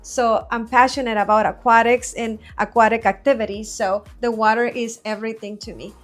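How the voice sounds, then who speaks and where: A Mexican business owner in her forties answers interview questions earnestly and in a measured way, using fillers often. She was recorded in a studio, her voice a little high and steady, with faint music behind.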